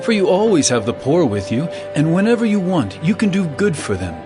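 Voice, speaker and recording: An actor playing Jesus as a calm, authoritative male teacher, speaking in an earnest, measured way. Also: fairly high pitch. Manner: earnest, measured scripture delivery. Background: music score.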